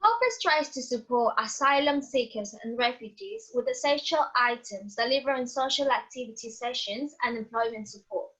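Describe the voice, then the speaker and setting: A woman's voice: a little high, moderate pace, hardly any pauses, fairly bright tone, rough recording. A woman who is a student presenter, reading a prepared script for a presentation.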